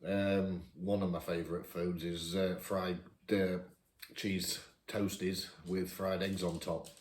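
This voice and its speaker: A man in his fifties with a northern English accent, chatting casually as he answers viewer questions, each read out brighter. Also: low voice, level tone, takes it slowly, echoey room. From England. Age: 50s. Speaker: vlogger. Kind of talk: casual Q&A chat.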